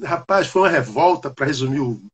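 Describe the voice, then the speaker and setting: A man, a Baptist pastor, telling a personal testimony in an animated, conversational way. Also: a little high, a little fast, slight background noise. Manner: animated storyteller, calls the listener "cara". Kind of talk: personal testimony on a live chat.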